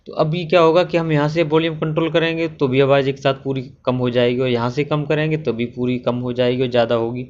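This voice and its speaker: A man's voice: mid-range voice, flat delivery, fast talker, few pauses, darkish tone, lo-fi sound. Man patiently explaining a circuit diagram. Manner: patient, repeats points, many "ah" fillers. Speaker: electronics tutorial presenter.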